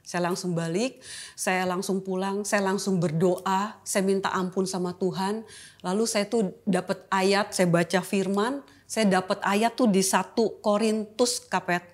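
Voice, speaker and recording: A woman's voice: medium pitch, steady tone, unhurried. A middle-aged woman sharing a personal testimony as an interview guest, talking candidly and emotionally in a loose, colloquial way. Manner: candid and emotional, colloquial with frequent filler tags. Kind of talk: casual interview chat.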